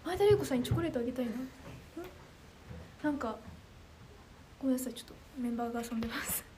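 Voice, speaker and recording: A teenage girl from Chiba chatting casually on a livestream, reading viewer comments in a bubbly, animated, self-deprecating way. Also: sits high, fast talker, noisy background. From Chiba, Japan. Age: teens. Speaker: idol trainee streamer.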